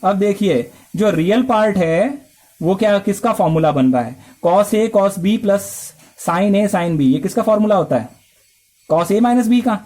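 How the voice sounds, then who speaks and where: Slow-talking high-voiced male math teacher. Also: lively intonation, darkish tone. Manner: explains step by step, asks and answers his own questions. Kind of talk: classroom lecture.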